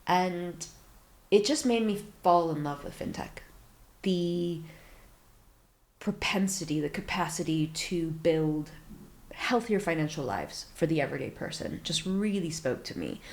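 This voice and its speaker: Woman, American accent, 30s, startup founder guest, low-ish voice, animated storytelling, lots of fillers. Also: unhurried. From Silicon Valley, California, USA. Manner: animated storyteller, acts out her own reactions, many fillers. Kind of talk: casual interview chat.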